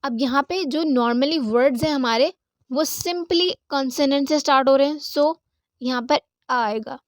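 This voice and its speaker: Woman teacher, high voice, slow careful delivery, keeps checking "theek hai?". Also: no room sound, clean studio sound. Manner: slow, deliberate reading of English example lines, checks in with "theek hai?". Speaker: English teacher. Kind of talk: grammar lesson in Hindi-Urdu.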